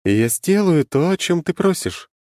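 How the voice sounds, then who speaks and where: A man's voice: on the high side, sing-song, unhurried, warm tone, no echo, studio quality, pitched above the performer's own voice. A man reading an audiobook, voicing a sly, brash female goddess with a cheeky, mocking manner. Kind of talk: audiobook character voice.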